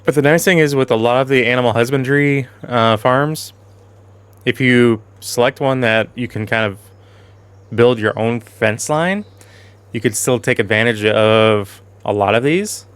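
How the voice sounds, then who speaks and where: A man's voice: medium pitch, a little slow, a bit bright, smooth, dry recording. Casual man with a fading voice. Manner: rambling, self-correcting, chatty. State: losing his voice, clearing throat. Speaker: gaming channel host. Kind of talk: casual game commentary.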